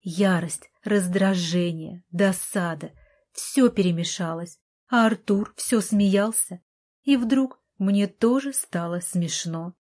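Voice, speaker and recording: A woman reading a first-person romance novel aloud, with an expressive narration style. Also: medium pitch, takes it slowly. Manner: expressive reading, voicing the heroine with passion. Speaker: audiobook narrator.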